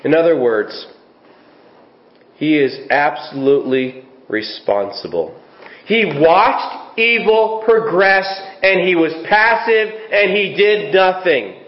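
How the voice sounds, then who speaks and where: A man's voice: a little high, slow. A man preaching a sermon as pastor, reading scripture aloud and asking rhetorical questions. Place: church sanctuary. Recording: echoey, dull church recording with faint hiss.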